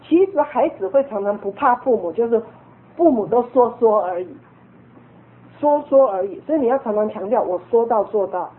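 Parenting teacher, woman, firm coaching tone, slightly high voice, phone-like audio. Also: animated, moderate pace. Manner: firm, coaching, acts out scolding examples. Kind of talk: instructive talk to parents. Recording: tinny phone-like sound.

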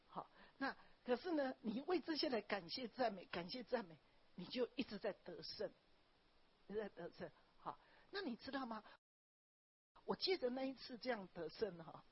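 Very husky woman pastor preaching. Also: medium pitch. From Taiwan. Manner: animated storytelling, frequent "ha" tags, wraps points with "okay, like this". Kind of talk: sermon with personal stories. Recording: dull lo-fi recording.

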